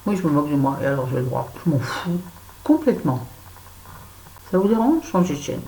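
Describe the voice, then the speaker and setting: A woman chatting to camera as a beauty vlogger, blunt and self-mocking, with lively asides. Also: sits low, fairly quick. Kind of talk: casual chat to camera. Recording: echoey room with faint background noise.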